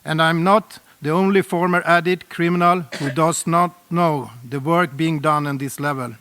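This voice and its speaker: A middle-aged man from Sweden with a Swedish accent, giving an earnest, deliberate prepared address at a roundtable, with small slips in his English. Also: on the high side, fairly even intonation, sharp tone, clear, resonant tone. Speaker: speaker at a UN roundtable.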